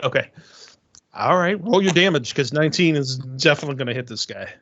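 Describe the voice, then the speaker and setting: A man narrating a tabletop game as game master, unhurried and filled with "uh"s, over an online voice call. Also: a little high, fairly bright tone, a little hiss or hum. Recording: muffled lo-fi online voice chat.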